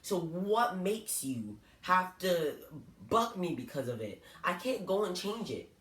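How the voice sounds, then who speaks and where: A man's voice: sits high, big pitch swings, slow pace, a bit bright. A young man from Canada telling personal stories to camera in an earnest, hurt, candid way. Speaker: vlogger. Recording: echoey room.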